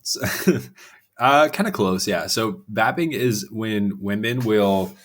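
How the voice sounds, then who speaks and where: A man's voice: lowish voice, slow, a bit bright. A man co-hosting a podcast, teasing and quizzing his co-host in casual chat.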